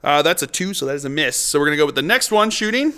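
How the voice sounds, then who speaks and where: Man, high voice, bright, excitable, laughs a lot, tabletop game play-by-play host. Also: quick pace. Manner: excitable, laughs often, bursts into whoops. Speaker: host and player.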